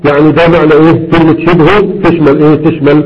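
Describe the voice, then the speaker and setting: A man's voice: a little high, little pitch movement, fast, highs cut off. A man with an Egyptian Arabic accent teaching a grammar lesson to students, repeating patterns and often checking they understand.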